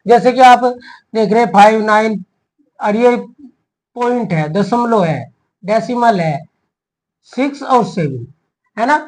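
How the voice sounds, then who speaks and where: Male maths teacher, slow patient explanation, repeats and checks in often. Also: very high voice, a little mellow, rough recording. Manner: slow, repetitive, often asks "है ना?" and "ठीक है जी". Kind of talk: classroom explanation.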